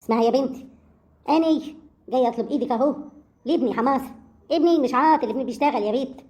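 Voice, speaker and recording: A woman's voice: high voice, quick pace, warm tone, lightly acted. A woman voicing a fierce older village mother who scolds and insults a man over her son. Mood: furious.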